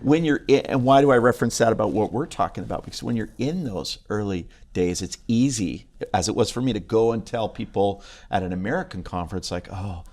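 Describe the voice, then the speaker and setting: British-accented male pastor guest, low-ish, lively and jokey delivery. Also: fairly quick, hardly any pauses. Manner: animated storyteller, jumping pitch on punchlines. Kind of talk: casual conversation. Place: studio.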